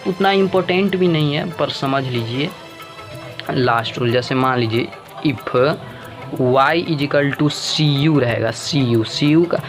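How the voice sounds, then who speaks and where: Patient man teaching maths, unhurried and repetitive, with music behind him. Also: mid-range voice. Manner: slow, repetitive, checks in with "samjhe na guys". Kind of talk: chalkboard maths lesson.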